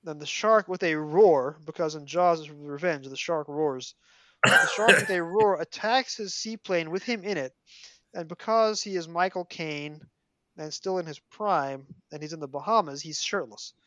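Reading from a book on his podcast, a Brooklyn-accented host with a scratchy voice speaks a little slowly, his pitch on the high side. He's animated and mock dramatic as a storyteller, and the recording is dry and muffled.

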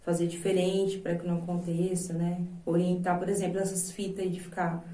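A Brazilian singer and voice teacher in her thirties speaks earnestly and reflectively in a casual interview, using plenty of filler tags. Her lowish, warm voice has a Brazilian Portuguese accent, moves little in pitch, and is brisk, with roomy sound from a distant mic.

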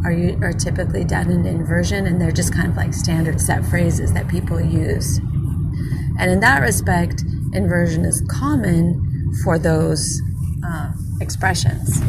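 A woman with a slightly low voice teaches grammar over loud, rumbling background noise. She explains step by step, pausing to think aloud, and pronounces each example phrase with careful, deliberate enunciation. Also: vocal fry. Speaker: French language teacher.

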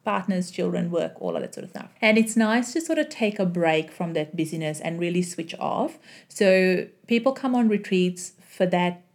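A woman in her thirties from Sri Lanka speaks as a guest on a podcast. Her voice is a little low, and she talks about her work in a warm, thoughtful way, pausing often as she gathers her thoughts. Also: very animated. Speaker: yoga and Pilates teacher. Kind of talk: casual interview chat.

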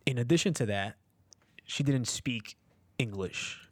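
A man in his early twenties, born in Peru and raised in New Jersey, speaking as a podcast guest in a measured, reflective way with frequent pauses. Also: mid-range voice, lively intonation. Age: 20s. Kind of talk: casual interview chat.

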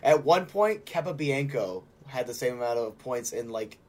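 A man's voice: medium pitch, animated, normal speed, slight background noise. A man co-hosting a casual hockey podcast, talking in a sarcastic, joking way and laughing often. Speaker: podcast co-host. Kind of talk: casual sports chat.

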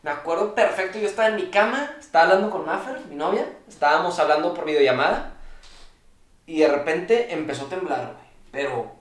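A young man with a Mexican accent, telling a story as a guest in casual podcast chat, animated and full of slang. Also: a little high, fairly quick, reverberant. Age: young adult.

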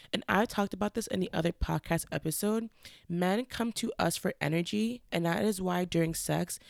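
A woman hosting a casual solo podcast, talking frankly and earnestly while stuffy from a cold, speaking slowly on purpose. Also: on the low side, vocal fry, darkish tone, no echo, studio quality. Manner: frank, earnest, slowed deliberate delivery. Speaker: podcast host.

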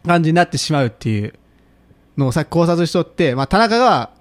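A man's voice: fairly high pitch, big pitch swings, fast talker. A man, co-hosting a casual podcast chat, rambling through his speculation with frequent laughs. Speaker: podcast co-host.

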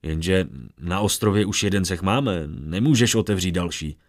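A man's voice: deep voice, dry recording, studio quality, natural voice. A man voicing a wary young male adventurer.

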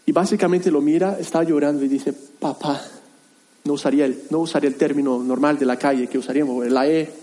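A man pastor preaching a sermon in an earnest, halting way, with many pauses and restarts. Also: fairly high pitch, fairly even intonation, warm tone. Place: church hall.

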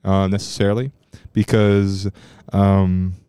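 A man hosting a casual solo podcast, rambling and loose with profanity, with a strong loud voice that can turn monotone. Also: low voice, takes it slowly, smooth, dry recording. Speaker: podcast host. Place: room at home.

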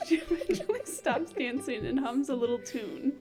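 A woman's voice: sits high, lively intonation, normal speed, over loud music. A woman reading out stage directions for a family-made musical, amused and laughing often.

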